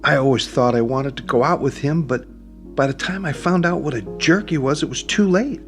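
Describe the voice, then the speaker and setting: A man's voice: fairly high pitch, fairly quick, soft background music, pitched above the performer's own voice, close to an everyday voice. A man reading an audiobook, voicing a tearful, anxious young woman who pleads emotionally. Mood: pleading.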